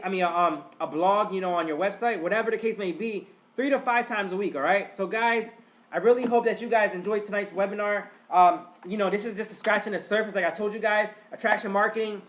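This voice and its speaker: A man with a stuffed-up nose hosts a live webinar, teaching casually in a chatty, repetitive way and often addressing his listeners as "guys." His voice sits high and sounds a bit bright.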